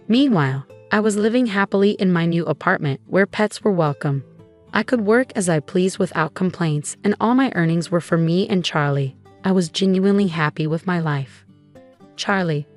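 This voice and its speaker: A woman reading a first-person story in an even, measured way as a scripted narration. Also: on the low side.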